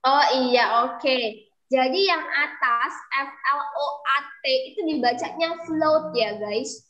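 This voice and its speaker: A woman's voice: high voice, slow, sharp tone. A young woman tutoring English in an online class, chatty and coaxing her students to answer, in a dim room over a video call. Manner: chatty, calls herself kakak, coaxes students to answer. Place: room growing dark, using a flashlight. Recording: dull lo-fi video call audio.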